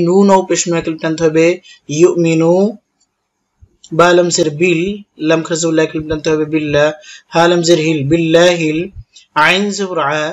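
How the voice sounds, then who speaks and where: A man with a Bangladeshi Bengali accent, teaching Quran recitation, spelling out each letter and vowel mark syllable by syllable. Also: fairly high pitch. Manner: spells each syllable slowly, then chants the verse in a drawn-out melody. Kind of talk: letter-by-letter tajweed instruction.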